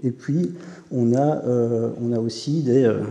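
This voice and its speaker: A university professor gives a conference lecture with slides, his medium-pitched voice unhurried, creaky, and dark. He's hesitant, with many "euh" fillers and restarts, and the lecture hall adds a long reverb.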